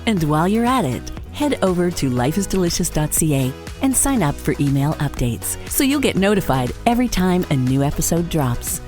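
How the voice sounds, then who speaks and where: A woman's voice: on the low side, big pitch swings, a little fast, few pauses, darkish tone, faint music behind. A woman hosting a podcast, affirming and friendly, with frequent small laughs. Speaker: podcast host. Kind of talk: podcast interview and outro.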